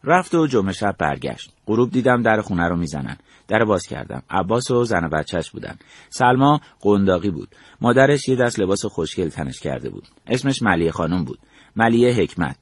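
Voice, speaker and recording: A man's voice: low-pitched, very animated, husky, no room sound, clean studio sound. An older man from Iran recounting his memories as a storyteller, acting out the dialogue he quotes. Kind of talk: spoken memoir narration.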